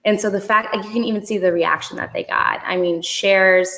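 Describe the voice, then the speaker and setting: A woman's voice: mid-range voice, fairly even intonation, a little fast, fairly bright tone. A woman presenting a marketing webinar in a chatty, upbeat way, laughing often. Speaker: company presenter.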